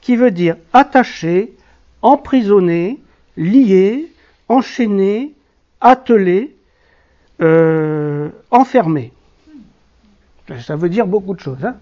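Slow-spoken teacher explaining Hebrew. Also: mid-range voice, expressive, mellow. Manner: patient, explaining step by step with fillers. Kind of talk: classroom Bible Hebrew lesson. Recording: dull lo-fi classroom recording.

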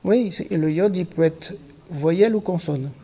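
A man's voice: sits high, a little slow, dark tone, dull audio. A man teaching a Hebrew reading lesson to a class, patiently spelling out letters and syllables one by one.

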